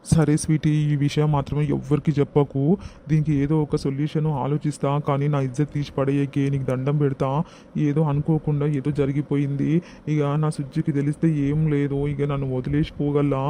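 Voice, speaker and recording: A man's voice: fairly high pitch, monotone, a little fast, mellow, a little hiss or hum, close to an everyday voice. A man with a Telangana accent playing a guilty, nervous husband in a comedy skit, pleading and begging. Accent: Telangana Telugu. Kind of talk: village comedy skit acting.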